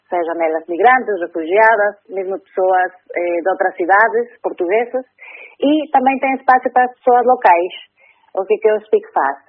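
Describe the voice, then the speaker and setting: A woman talks through a program on a radio show, filling pauses with hesitations as she explains. Her voice comes through a narrow, tinny phone line. Her pitch sits at an ordinary middle height. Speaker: program coordinator guest. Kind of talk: radio chat over the phone.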